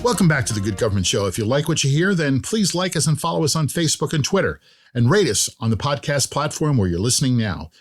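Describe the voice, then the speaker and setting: A man's voice: mid-range voice, very animated, fast, soft background music. A man hosting a podcast, reading a friendly scripted intro and then chatting with a guest, with light jokes. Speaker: podcast host. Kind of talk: scripted podcast narration and interview.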